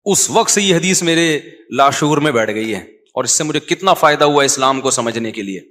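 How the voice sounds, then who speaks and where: A man's voice: fairly high pitch, expressive, fairly bright tone. A man in his forties from Pakistan, a mufti giving a conversational religious lecture to a live audience over a microphone. He wanders off on tangents and chants Arabic verses before explaining them.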